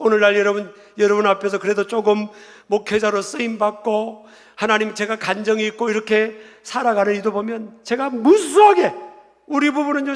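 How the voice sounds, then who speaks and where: A middle-aged male pastor preaching an emphatic sermon in a church, asking the congregation questions and building to shouts. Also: high voice. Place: church sanctuary. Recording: church hall reverb.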